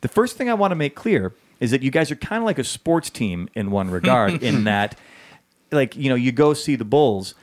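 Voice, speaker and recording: A man hosting an interview podcast, chatty and joking with his musician guests. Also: mid-range voice. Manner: chatty and joking, fast and animated. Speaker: podcast host. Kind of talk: casual interview chat.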